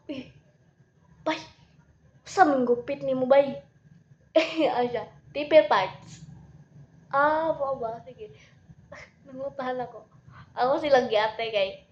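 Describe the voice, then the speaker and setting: A woman's voice: high voice, darkish tone, muffled recording. A woman chatting casually to camera, rambling and giggling, mixing in English phrases. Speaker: vlogger.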